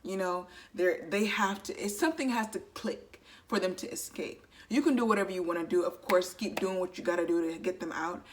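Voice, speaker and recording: A woman in her twenties giving earnest, chatty advice to camera and filling her talk with "you know" asides. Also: on the low side. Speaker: vlogger.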